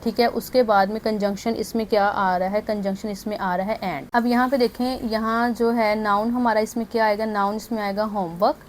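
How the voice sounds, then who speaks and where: Brisk woman teacher explaining grammar. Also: medium pitch, steady tone, a little hiss or hum. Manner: brisk and explanatory, labels each word step by step. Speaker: English teacher.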